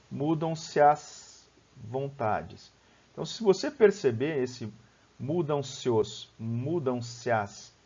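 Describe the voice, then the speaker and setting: A Brazilian man explains poetry as a teacher, his voice husky and breathy at a middle pitch. He keeps checking in with his listeners as he walks them through each step. The home recording sounds dull and lo-fi. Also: a little mellow. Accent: Brazilian Portuguese. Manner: explanatory, lots of "né?" and "ó". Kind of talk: online lesson on poetry.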